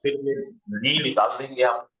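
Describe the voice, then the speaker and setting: A man teaching an online Arabic grammar lesson, slowly drilling word forms aloud on a video call. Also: mid-range voice, steady tone, background noise. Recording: dull echoey room sound.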